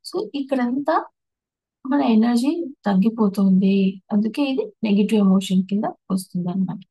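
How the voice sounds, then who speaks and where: Woman, meditation teacher, mellow dark tone, dry close sound, patient step-by-step explainer. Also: medium pitch, normal speed, slightly rough, dry recording, rough recording. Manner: explains patiently, lists terms one by one with restarts. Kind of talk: spiritual talk on emotions.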